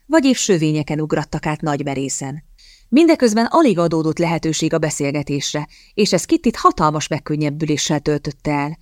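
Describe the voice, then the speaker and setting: A woman narrating a novel in an even, measured audiobook reading. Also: lowish voice, dry recording, clean studio sound.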